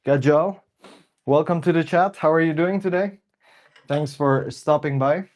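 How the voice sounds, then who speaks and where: This young livestream host, sniffling as he works, keeps up casual banter and calls out arriving viewers by name. His voice is fairly high and slightly mellow, and he speaks at a measured pace.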